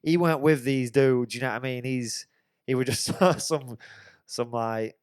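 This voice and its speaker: A male podcast host speaks a little slowly, his medium-pitched voice clean in tone, as he tells an animated, curse-filled story in casual chat. Clean studio sound, no echo.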